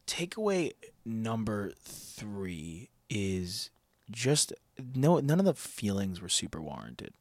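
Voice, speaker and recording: A man co-hosting a podcast in casual chat, animated and swearing, full of "like" fillers. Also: on the low side, slow, no echo. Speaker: podcast co-host.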